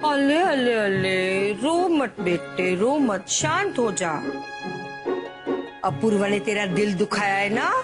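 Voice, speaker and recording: A woman's voice: high-pitched, very animated, a little slow, music in the background. An actress playing a middle-aged mother who dotes on her family and scolds her son in a theatrical way. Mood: coddling. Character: doting melodramatic mother of a grown son. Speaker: mother-in-law.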